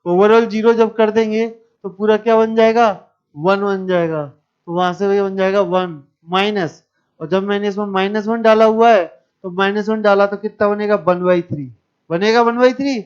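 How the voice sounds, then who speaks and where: Male math teacher, high clear voice, talks students through each step, dull lo-fi recording. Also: steady tone, moderate pace. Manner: explains step by step, questions the class. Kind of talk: classroom lecture.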